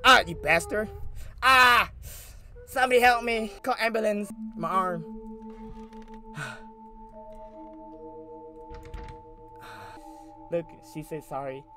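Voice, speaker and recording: A man's voice: high-pitched, very animated, extremely slow, long pauses, over music. A man playing a horror game and commenting casually, jumpy, with yelps and nervous laughter at the scares. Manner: slangy, casual talk to himself. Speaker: gaming YouTuber.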